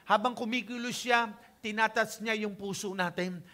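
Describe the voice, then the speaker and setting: An older pastor from the Philippines delivers a conversational sermon, chatty and informal, and keeps checking in with his congregation. His voice sits high for a man. It has a bright, forward edge. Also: fairly even intonation, moderate pace.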